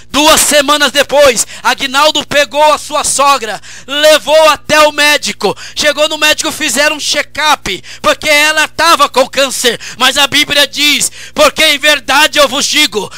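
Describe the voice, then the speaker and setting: High, bright-voiced Brazilian pastor preaching. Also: male voice, dry recording. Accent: Brazilian Portuguese. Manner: impassioned preaching with shouted repetitions. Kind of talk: radio sermon.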